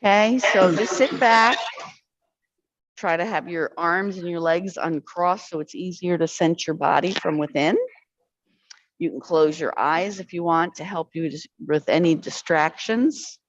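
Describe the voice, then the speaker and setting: A woman's voice: fairly low pitch, a little slow, no room sound, dull audio. A woman instructor leading an arthritis exercise class, counting reps aloud and encouraging the group.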